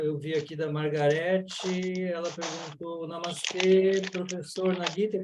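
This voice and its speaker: Brazilian man, high-pitched, earnest, explanatory, over a video call. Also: heavy background noise. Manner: earnest, explanatory, with many fillers. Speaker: yoga and mantra teacher. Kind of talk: online lecture and Q&A.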